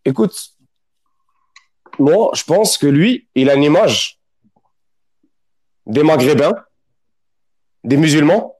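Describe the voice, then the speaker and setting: A man's voice: a little high, animated, slow pace, long pauses, darkish tone. A man in a heated casual livestream debate, using French suburban street slang and stammering repeats of his words.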